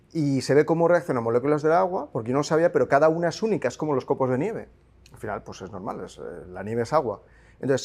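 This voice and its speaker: A man's voice: mid-range voice, a little mellow. Guy explaining stuff, stumbles and repeats words a lot. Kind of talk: casual conversation.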